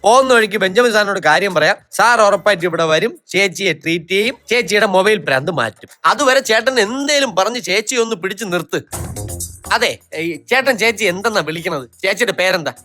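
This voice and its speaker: Young man doing a jittery delivery boy, quick bright chatter, comedy skit. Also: sits high, lively intonation, faint music behind. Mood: pleading.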